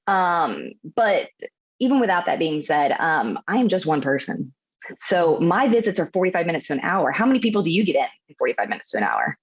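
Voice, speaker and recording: A woman in her late thirties talks through her work in long, methodical runs as a guest on a casual interview. Her voice sits on the lower side, and the recording sounds dull and lo-fi. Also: big pitch swings, brisk, breathy edge. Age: 30s. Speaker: physical therapist guest. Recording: dull lo-fi audio.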